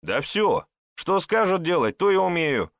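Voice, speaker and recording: A man's voice: high voice, very animated, creaky, fairly bright tone, no echo, studio quality, pitched above the performer's own voice, exaggerated voice. Man doing an eager starving peasant lad. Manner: eager, pleading, talks fast. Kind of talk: audiobook character voice.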